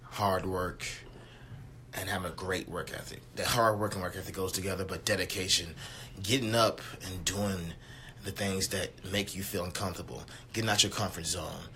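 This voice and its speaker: A man's voice: low-pitched, steady tone, normal speed, bright, forceful tone, a little hiss or hum. A young man from Richmond, guest on a podcast, speaking earnestly with many fillers and repeated phrases. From Richmond, Virginia. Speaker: YMCA sports director, guest. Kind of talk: casual interview.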